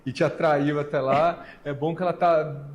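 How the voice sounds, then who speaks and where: A male podcast host with a slightly raised pitch, asking quick questions and teasing his guests. His talk is loose and conversational. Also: fairly even intonation, muffled recording. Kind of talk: casual interview talk.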